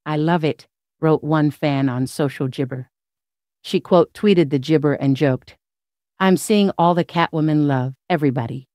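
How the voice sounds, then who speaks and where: A woman's voice: sits low, darkish tone, no echo. Woman reading celebrity news, dry sound. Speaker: news narrator. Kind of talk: scripted celebrity news narration.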